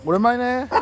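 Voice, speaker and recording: An extremely high-pitched, fairly bright male voice, with a little hiss or hum, belongs to a delivery driver vlogging outdoors. He talks casually to dogs and their owner, playful and friendly, coaxing the animals and laughing a lot.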